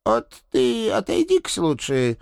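A man reading an audiobook, voicing a cantankerous old village landlady who scolds and threatens in a shrill, creaky old-woman voice. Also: huge pitch swings, unhurried, a little mellow, no room sound, clean studio sound, heavily acted. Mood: threatening.

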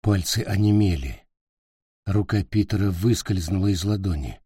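A man narrating an audiobook in a measured, dramatic storytelling manner. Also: deep voice, warm tone, breathy edge, no room sound, clean studio sound. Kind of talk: scripted narration.

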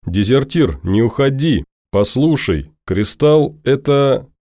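A man's voice: mid-range voice, expressive, slow, darkish tone, no room sound, clean studio sound, pitched above the performer's own voice. A man voicing a young woman stalker who pleads and scolds insistently, his voice lifted a few notes above his own. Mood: angry.

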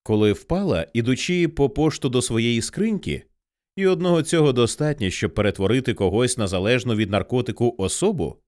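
A man narrating an audiobook in an expressive storytelling manner. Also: medium pitch, fairly quick. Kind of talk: scripted narration.

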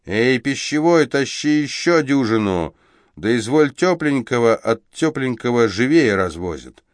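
A man voicing a brash young male street thug who boasts and threatens in a loud, drawling voice. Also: mid-range voice, sing-song, moderate pace, no room sound, clean studio sound, voice pushed up. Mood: bullying.

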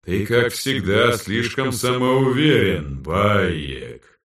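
A man doing the ancestral spirits inside a possessed body in an audiobook, a cold, lifeless and colorless voice with an eerie echo, like a demonic double voice. It speaks very slowly and solemnly and sits low. It sounds distant and roomy. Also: lively intonation, a bit bright. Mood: cold, detached. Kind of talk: audiobook character voice.

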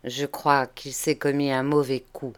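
A woman voicing a frightened older male butler with a hoarse, halting way of speaking, in a storybook reading. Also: a bass voice, little pitch movement, pitched below the performer's own voice. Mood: fearful.

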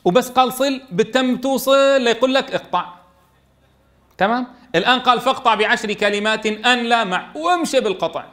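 A man's voice: very high voice, animated, a little fast, pushed and bright. A man leading a classroom tajweed lesson for Quran teachers, explaining step by step and checking in with his students.

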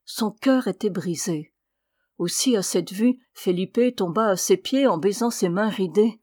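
A woman narrates a classic novel in a measured, expressive reading. Her voice sits at a middle pitch. The recording is dry and close, with no room sound. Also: dry recording. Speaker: audiobook narrator. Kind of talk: literary audiobook narration.

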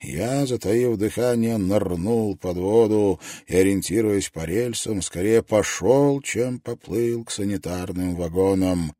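Man narrating an audiobook in a dark voice. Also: lowish voice, unhurried, few pauses, no echo, clean studio sound.

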